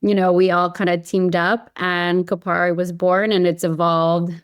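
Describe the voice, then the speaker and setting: A podcast guest and company founder from Hawaii, United States, tells her own story in a relaxed chat, sprinkling in "you know" and "like." Her lowish voice stays level and smooth at a moderate pace. There's no room sound, though the highs are cut off.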